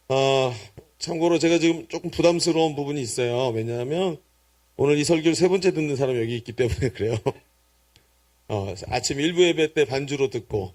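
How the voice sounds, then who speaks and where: A man's voice: medium pitch, a little mellow. A middle-aged man preaching a sermon as pastor in a church, playful and teasing the congregation with jokes. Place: church sanctuary.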